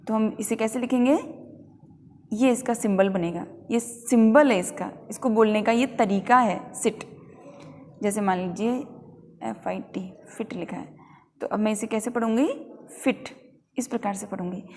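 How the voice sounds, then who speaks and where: A woman teaching pronunciation to a class, spelling words out letter by letter and having students repeat them back. Her voice sits a little high. A long reverb trails after her words. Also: darkish tone. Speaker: English teacher.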